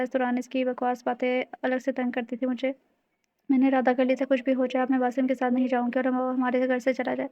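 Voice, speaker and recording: A woman reads a romantic novel aloud in a steady, even manner. Her voice is high and held almost completely flat. The recording sounds dull and lo-fi. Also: no room sound. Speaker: audiobook narrator. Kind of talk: audiobook novel reading.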